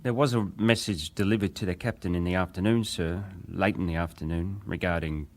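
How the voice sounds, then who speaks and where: Giving precise, factual testimony, an actor portrays a young British wireless operator in the formal, deferential style of a dramatized hearing. The male voice is low-pitched and a little fast.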